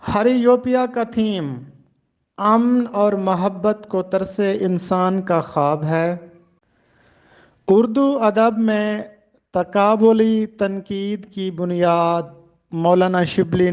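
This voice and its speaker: Slow, deliberate high-voiced man lecturing. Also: steady tone, a little mellow, smooth, dull audio. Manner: slow, deliberate, enunciating each word. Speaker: Urdu literature lecturer. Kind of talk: lecture on pronunciation.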